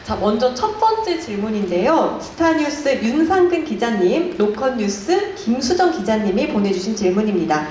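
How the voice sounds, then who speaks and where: Female showcase host, formal and articulate, slightly high register, heavy room reverb with faint noise. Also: very animated, normal speed, hardly any pauses, a little mellow. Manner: polite, formal, articulate presenter. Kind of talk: polished event hosting. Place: indoor press showcase venue. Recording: very echoey hall, faint noise.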